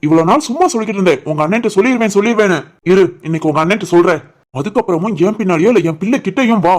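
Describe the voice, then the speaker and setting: A woman with a Kanyakumari-Tirunelveli Tamil accent voicing a stern, protective young father in an animated story, scolding harshly. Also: mid-range voice, rapid-fire, natural voice.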